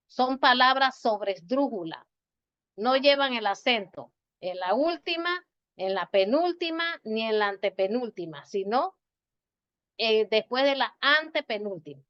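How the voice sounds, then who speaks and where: A woman teacher giving an online grammar lesson, speaking slowly and patiently and repeating words to stress their syllables. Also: fairly high pitch. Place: home or office on a video call. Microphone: video call. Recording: dull, lo-fi video call audio.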